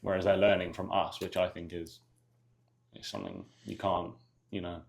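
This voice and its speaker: A young man from just outside London, with a London-area English accent, chatting in a relaxed, hesitant way as a podcast guest. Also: low voice, moderate pace, creaky. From England, near London. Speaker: soccer player, podcast guest. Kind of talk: casual interview chat.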